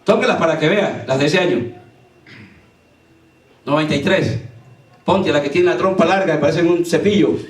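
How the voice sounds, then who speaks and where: A man preaching a fervent sermon as pastor, often shouting as he tells personal stories. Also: on the high side, normal speed, long pauses, slight background noise. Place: church sanctuary. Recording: echoey church from far off.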